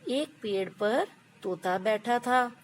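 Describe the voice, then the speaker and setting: A woman teaching young children, reading a story aloud slowly and then retelling it and asking simple questions. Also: fairly high pitch, slight background noise, low-quality recording.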